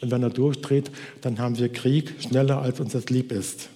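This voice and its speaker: Man preacher, earnest sermon, mellow dark tone, long hall echo. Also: mid-range voice, level tone. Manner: earnest, exhorting, slows for emphasis. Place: church hall.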